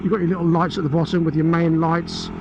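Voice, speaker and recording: A British man with a fairly high voice talks through a helmet mic as he rides, keeping up a chatty, enthusiastic running commentary. Engine rumble and wind noise sit clearly under his voice. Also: flat delivery, quick pace. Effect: speaking through a helmet mic while riding. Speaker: motorcycle reviewer. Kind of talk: riding commentary. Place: on a motorbike on open roads. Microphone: helmet-mounted mic.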